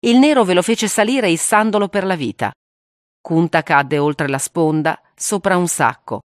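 A woman's voice: lowish voice, moderate pace, no room sound, clean studio sound. Grave woman narrating an audiobook. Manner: steady, grave reading.

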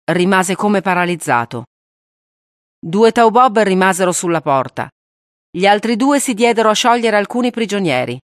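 A woman reading a novel aloud in a steady, grave audiobook narration. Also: medium pitch, no room sound, studio quality.

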